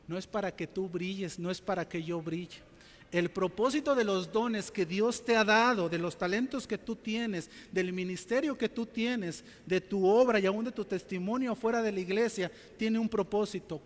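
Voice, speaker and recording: A man's voice: sits high, big-room sound. A male pastor preaching a sermon to his church, telling stories and acting out quotes, often calling out to his brothers and sisters. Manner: storytelling preacher, acts out quotes, addresses "mis hermanos".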